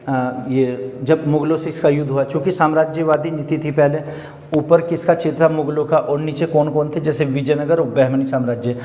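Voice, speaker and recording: A man's voice: on the high side, dark tone, reverberant, big-room sound. A man teaching a history lesson for exam preparation, who keeps asking questions and answering them himself. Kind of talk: exam-prep lecture. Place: coaching classroom.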